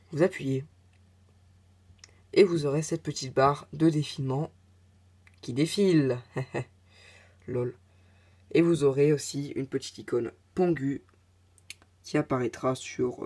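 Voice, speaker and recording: Hesitant and full of filler sounds, a man with a mellow, relaxed, mid-range voice guides listeners step by step through a casual tech tutorial, tossing in chatty asides along the way.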